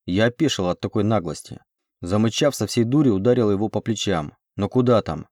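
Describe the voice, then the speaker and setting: A man narrating an audiobook chapter in a measured storytelling manner. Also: lowish voice, darkish tone, no echo, clean studio sound. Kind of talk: scripted narration.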